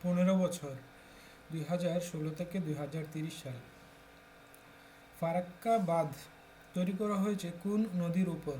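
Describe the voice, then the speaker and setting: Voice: medium pitch, steady tone, normal speed, pauses often, mellow, a little hiss or hum. A tutor from Bangladesh steadily reading exam questions aloud and announcing each answer in turn.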